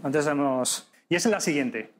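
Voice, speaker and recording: A man teaching a live podcasting workshop to an audience, lively and demonstrative, often checking in with quick questions. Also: fairly high pitch, slight background noise. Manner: lively, demonstrative, addresses audience directly with frequent tag questions.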